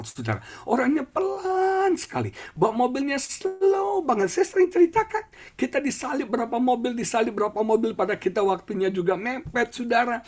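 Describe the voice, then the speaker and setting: Middle-aged man preaching at church, husky voice pitched a bit high, keeps turning to the congregation. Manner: animated storytelling, addresses congregation often. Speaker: pastor. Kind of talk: sermon. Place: church service.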